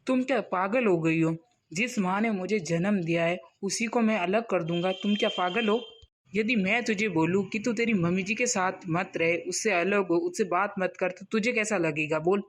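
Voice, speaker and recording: A woman's voice: mid-range voice, moderate pace, close to an everyday voice. A woman voicing a stern young husband in a cartoon comedy, who lectures and scolds his wife. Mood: scolding.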